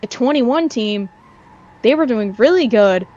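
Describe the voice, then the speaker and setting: Woman race caller for an online sim league, somewhat high voice, casual and excitable, dull lo-fi stream audio. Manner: casual, repeats herself, quick to get excited over close racing. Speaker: race commentator. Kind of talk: live sim racing commentary.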